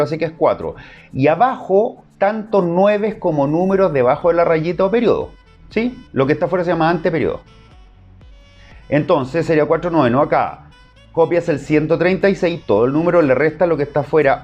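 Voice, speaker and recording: A man's voice: a little high, a little mellow, dull audio. A man with a Chilean accent teaching an online math class, explaining step by step and checking in with short questions.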